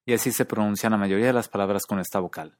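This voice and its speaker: A low-pitched man narrates a scripted language lesson at a measured pace, pausing to demonstrate single words in different accents. The recording is dry and close, with no room sound. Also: no echo. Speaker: host of a linguistics video series.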